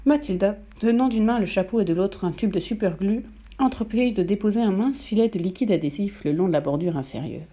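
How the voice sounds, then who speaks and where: A woman narrating a children's novel in a measured, expressive storytelling manner. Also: mid-range voice. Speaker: audiobook narrator.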